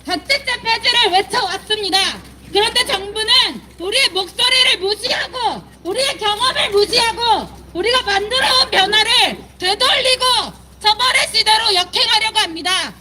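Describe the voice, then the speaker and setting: High-pitched woman activist, forceful. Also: normal speed, hardly any pauses, poor audio. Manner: forceful, declaiming. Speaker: activist at press conference. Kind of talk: reading a statement and leading chants. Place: outdoor plaza.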